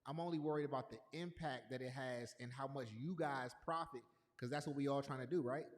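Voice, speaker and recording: Casual livestream host with echoey reverb. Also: male voice, medium pitch, fairly quick. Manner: loose and repetitive, greeting chat viewers by name.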